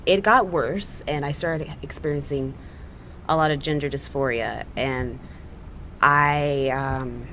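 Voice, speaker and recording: A teenage young man with a boyish, cracking voice, talking candidly and haltingly about himself as a talk show guest. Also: a little high, sharp tone, a little hiss or hum. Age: teens. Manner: halting, informal, self-deprecating.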